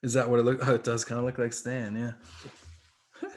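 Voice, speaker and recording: A man's voice: mid-range voice, flat delivery, measured pace, a little mellow. A man co-hosting a comic book podcast, talking casually and acting out the panels with sound effects. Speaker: podcast co-host.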